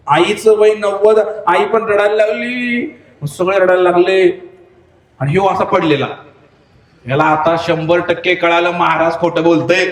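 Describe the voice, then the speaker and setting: A male preacher with a Marathi accent tells a long story in a sermon and slips into the characters' voices and cries. His voice sits high and animated. The recording has a roomy, echoey hall sound.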